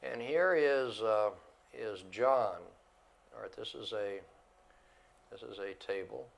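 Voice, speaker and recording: This is a man with a lowish, creaky voice leading an English grammar lesson for a class. His delivery is slow and careful, with repeated words and frequent switches between Spanish and English.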